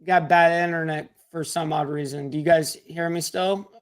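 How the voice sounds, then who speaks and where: A man joining a casual talk show over a video call that keeps dropping out. He speaks in a halting way and repeats his words. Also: fairly high pitch, fairly even intonation. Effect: choppy video call with a weak, dropping connection. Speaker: remote guest on a talk show.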